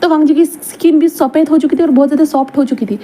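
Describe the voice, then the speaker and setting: A woman's voice: high-pitched, fairly even intonation, quick pace, mellow. A woman casually narrating a fanfiction story, rambling and correcting herself as she goes. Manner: rambling, repeats and self-corrects.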